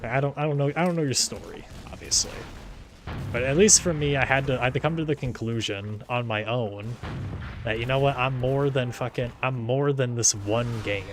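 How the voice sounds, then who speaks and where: A man's voice: mid-range voice, moderate pace, background noise. Guy in his 20s rambling in game chat, lots of likes and restarts, gunfire behind. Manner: rambling, many "like"s and restarts, chuckles often. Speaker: gaming YouTuber. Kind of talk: casual chat during an online game. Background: game gunfire and explosions.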